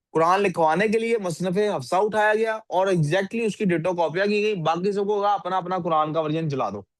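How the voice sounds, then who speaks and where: In a dry recording, a man with a high voice lectures his class, often quizzing the students and scolding anyone who looks sleepy.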